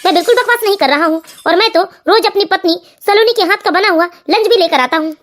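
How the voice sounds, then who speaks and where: A woman voicing a grown son who firmly lectures his mother and wife in an animated family story. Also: very high voice, fast talker, a little hiss or hum. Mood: stern.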